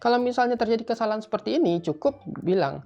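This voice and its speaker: A man's voice: very high voice, lively intonation, fast talker, creaky, dark tone. A young man, casually explaining job interview answers in a chatty, informal way. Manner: chatty, informal, keeps repeating a filler tag. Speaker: tutor for job interviews in Japan. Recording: slightly muffled, faint music behind.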